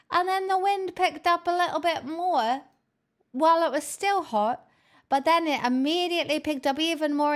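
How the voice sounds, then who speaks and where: A chatty Irish woman rambles through the day's weather, swearing at every turn in a deadpan tone, as a streamer puts her on. Her voice sits fairly high. The whole thing drifts along without much fuss. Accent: put-on Irish. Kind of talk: live stream banter.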